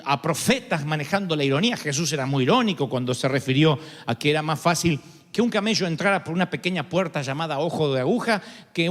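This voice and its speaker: A male pastor with a Rioplatense accent preaches with ironic humor and lively storytelling. His voice sits high for a man and leaps up and down through each phrase. A long reverb from a large church auditorium follows his words. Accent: Rioplatense Spanish. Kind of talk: sermon.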